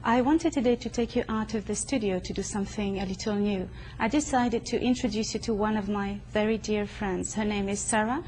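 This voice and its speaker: Woman host with a warm, mellow voice. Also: medium pitch, a little fast, few pauses, a little hiss or hum, rough recording. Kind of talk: studio-style interview. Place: a private home.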